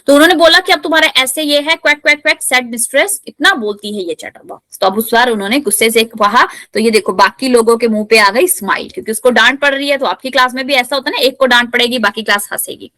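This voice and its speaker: Bright, sharp-toned woman teaching a class lesson, playful asides, slow careful reading of text. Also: a little high, dry recording. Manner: explains in Hindi, reads English text slowly; lively, playful asides to students. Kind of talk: chapter explanation lesson.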